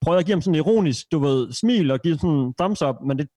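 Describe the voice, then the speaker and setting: A man co-hosting a podcast in casual chat, telling stories about himself in a self-mocking way with halting restarts. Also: fairly high pitch, expressive, warm tone, no echo. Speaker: podcast co-host.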